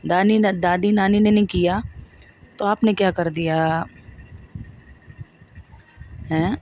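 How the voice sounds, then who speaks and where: A woman's voice: lowish voice, fairly even intonation, a little mellow, slight background noise. A woman with a Pakistani Urdu accent giving a religious talk to women, emphatic and scolding, often asking her listeners questions. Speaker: preacher.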